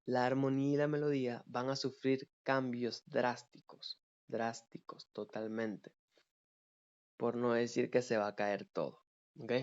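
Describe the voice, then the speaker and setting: A man teaches an online music theory class at a patient, steady pace. He counts the beats aloud and keeps checking that his students follow along. His voice sits in an ordinary middle pitch on slightly dull, lo-fi audio. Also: a little slow, smooth.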